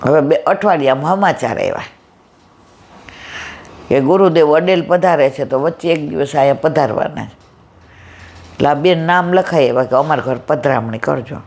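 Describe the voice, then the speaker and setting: A woman's voice: low voice, normal speed, long pauses, a little mellow. A woman giving a devotional talk to a satsang, telling stories and acting out the dialogue. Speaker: satsang speaker.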